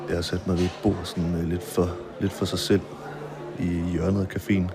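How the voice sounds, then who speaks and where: A man narrates a personal documentary in the first person, calm and measured. His voice sits very deep and stays flat, while clear marimba music plays under him. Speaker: filmmaker narrator.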